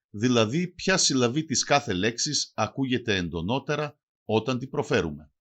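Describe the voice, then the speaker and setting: A man narrating a scripted language lesson, his pitch rising and falling freely. He takes a careful, deliberate approach and says each example word twice before he translates it. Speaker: language teacher.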